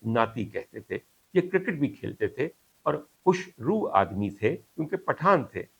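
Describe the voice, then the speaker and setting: With a lowish, slightly rough voice and vocal fry, this middle-aged or older Pakistani-accented host, a doctor, delivers a storytelling monologue to his audience. He speaks in a courtly, dramatic, rhetorical style and switches between English and Punjabi.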